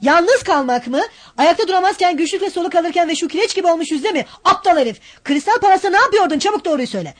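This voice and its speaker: A woman reading an audiobook, voicing a loud, hot-tempered young man who scolds and shouts at his friend. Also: sits high, very animated, quick pace, hardly any pauses, dry recording, pitched above the performer's own voice. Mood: angry. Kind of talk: audiobook character voice.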